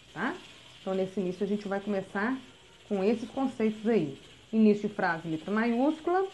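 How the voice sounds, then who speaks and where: Lady teacher, calm step by step explaining, keeps going "tá?", medium pitch. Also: slight background noise, poor audio. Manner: patient, step-by-step explaining with frequent "tá?" check-ins. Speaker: literacy teacher. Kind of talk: recorded teaching lesson.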